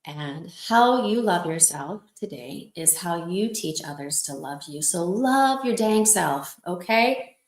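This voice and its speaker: A woman hosts a casual support livestream, her voice sitting on the lower side. She talks in an affectionate, encouraging way, weaving in personal stories. The sound is roomy, with a clear echo from the room. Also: lively intonation, takes it slowly, hardly any pauses. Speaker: host of a lupus support livestream.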